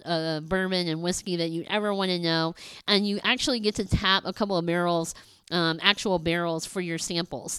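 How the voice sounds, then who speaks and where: Woman, casual podcast host, chatty storyteller, very clear voice, dry close sound. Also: medium pitch, a bit bright, dry recording. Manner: chatty, storytelling, many ums.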